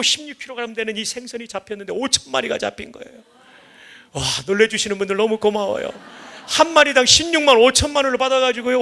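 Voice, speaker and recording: A male guest pastor telling a lively, humorous story during an evening sermon in a church. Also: sits high, creaky. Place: church sanctuary.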